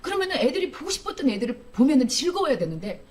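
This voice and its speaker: In a video clip, a woman comedian shares her personal testimony, animatedly acting out her own outbursts. Her voice is high and she speaks very fast.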